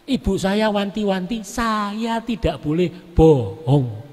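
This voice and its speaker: A man's voice: high-pitched, expressive, takes it slowly, darkish tone, full character voice. A man voicing an honest young boy who gives short, simple answers. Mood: plain. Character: honest young boy, calm and plain-spoken. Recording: preacher mic in a big reverberant hall.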